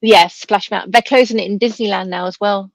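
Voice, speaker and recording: A woman's voice: medium pitch, steady tone, brisk, creaky. A woman hosting a casual chat and asking questions, with slightly imprecise R and W sounds. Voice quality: trouble pronouncing R's and W's.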